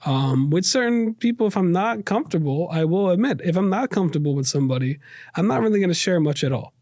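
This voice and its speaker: This New York-raised podcast guest has a fairly high, slightly mellow voice with lively intonation, and he talks fast. In a studio-quality, echo-free recording, he reflects earnestly on his life, frequently repeating and reworking his phrasing.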